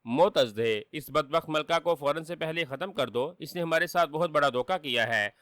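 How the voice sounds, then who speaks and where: A man's voice: on the high side, fairly bright tone, no echo, close to an everyday voice. A man voicing a cruel demon king who roars his commands, in a dry storybook reading. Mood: commanding. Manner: thundering, commanding.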